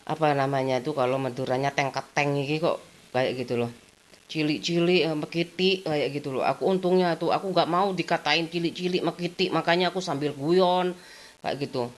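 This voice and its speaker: A woman, chatting casually in a rambling way to her vlog audience and leaning on the same fillers over and over. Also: low voice. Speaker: vlogger. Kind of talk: casual chat.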